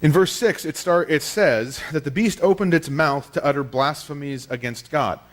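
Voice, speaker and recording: In a church sanctuary, a male pastor delivers a teaching sermon into the pulpit microphone. His voice sits fairly high and moves at a normal pace, explaining things plainly and conversationally with small fillers.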